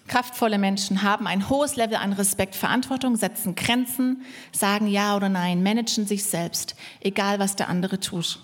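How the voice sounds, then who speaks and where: A woman preaching a lively sermon to her congregation, acting out voices and joking with the listeners. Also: medium pitch, slightly rough. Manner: lively, acts out voices in quotes, jokes with congregation. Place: church hall. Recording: church hall reverb.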